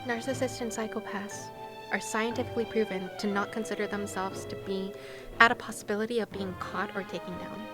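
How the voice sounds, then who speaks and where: In a medium-pitched voice with fairly even intonation, a little fast, a young livestream host chats casually with her viewers as she plays a game. She keeps it playful, giggling and exclaiming, and game music can be heard behind her.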